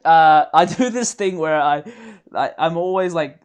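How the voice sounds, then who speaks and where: A young man, hosting a casual live chat, excitable and full of fillers. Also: fairly high pitch, unhurried, clear, resonant tone. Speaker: host.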